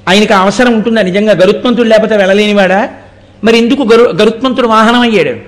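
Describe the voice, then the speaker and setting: A man with a notably high voice delivering a devotional sermon. He explains his points by asking the audience questions and reciting verses. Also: quick pace. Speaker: religious discourse speaker.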